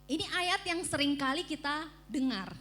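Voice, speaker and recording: A woman preaching at a church service, telling a personal story in an animated way and acting out the screams in it. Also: sits high, normal speed.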